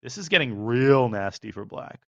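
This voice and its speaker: A man's voice: mid-range voice, lively intonation, gravelly, muffled recording. A man commentating live chess, analyzing positions and rattling off moves. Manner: analytical, calls moves rapidly.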